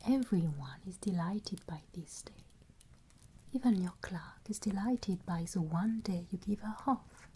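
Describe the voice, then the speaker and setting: Slow whispering Ghost of Christmas Present, played by a woman. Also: mid-range voice, expressive, a little hiss or hum, natural voice. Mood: gently merry. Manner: slow, hushed, storytelling whisper. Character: solemn, gently admonishing female Ghost of Christmas Present. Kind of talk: whispered ASMR roleplay.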